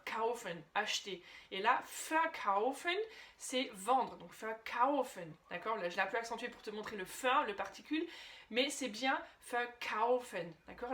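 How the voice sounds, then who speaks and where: A woman teaching an online language lesson, explaining patiently, often checking in with "d'accord?" and slowing right down to spell out example sentences. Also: fairly high pitch, a bit bright. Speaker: German teacher.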